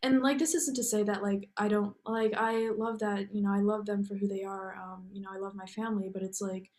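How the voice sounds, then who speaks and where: A young American woman appears as a guest in a casual interview, rambling and peppering her speech with "like" and "you know." Her mid-range voice barely shifts in pitch, moves a little fast and sounds slightly mellow.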